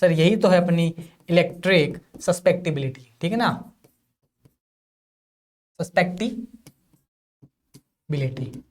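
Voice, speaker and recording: A man from India teaching a physics class for an exam. He asks questions and answers them himself, keeps checking whether it is clear, and reads definitions out slowly. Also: high voice. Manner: reads English definitions slowly, explains in Hindi. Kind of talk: classroom lecture for exam prep.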